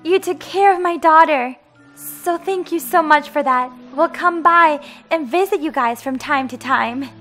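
A woman voicing a fierce, devoted mermaid mother in an animated game story. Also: high voice, a little slow, soft background music. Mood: grateful, gentle. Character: fierce, devoted mermaid mother seeking her lost daughter.

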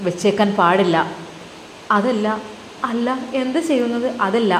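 A woman's voice: medium pitch, slight background noise, natural voice. Brief: woman voicing resolute male teacher-husband, consoling but firm, roomy with long reverb.

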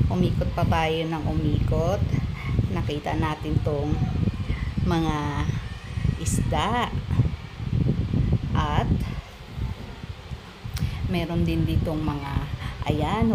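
A middle-aged Filipino woman records a casual vlog on a phone held out at arm's length. Her voice sits low and her delivery is unhurried and chatty, with easy laughs. Loud background noise from traffic and the outdoors runs underneath. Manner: chatty, laughs easily, mixes Tagalog and English. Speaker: vlogger. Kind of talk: casual travel vlog chat. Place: outdoor garden restaurant, then inside a car.

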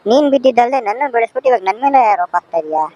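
A man's voice: very high voice, expressive, racing, dark tone, dull audio, voice pushed up. A man voicing a cheeky talking motorbike that scolds its rider in a comic motovlog sketch. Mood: scolding. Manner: bossy, scolding, talks back.

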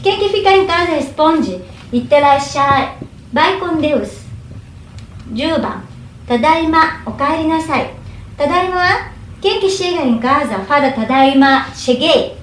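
A Japanese teacher with a high, expressive voice gives a language lesson, demonstrating each phrase slowly and carefully. The room sounds echoey, with a faint hum underneath.

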